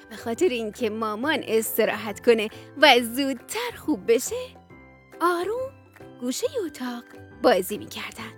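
A woman tells a bedtime story for children in a gentle, sing-song manner. Her voice is fairly high and swoops up and down with lively, animated pitch, and soft children's music plays quietly behind her.

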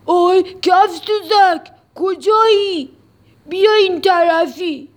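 A woman voicing a big, gentle, curious tree in a children's radio story, in a childlike and wondering manner. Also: very high-pitched, voice pushed up. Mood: eager.

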